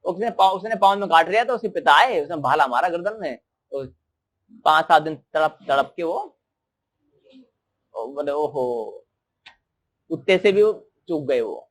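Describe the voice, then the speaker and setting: High-voiced male storyteller preacher. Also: moderate pace, pauses often. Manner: animated, asks the listeners questions. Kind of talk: devotional sermon storytelling.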